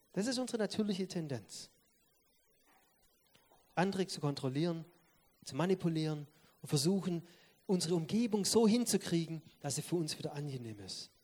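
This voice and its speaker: A man with a notably high voice preaches a sermon. He talks straight to his listeners, pressing hard on key words and then dropping to soft, quiet asides. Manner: emphatic, addresses listeners directly; swings between loud stress and quiet asides.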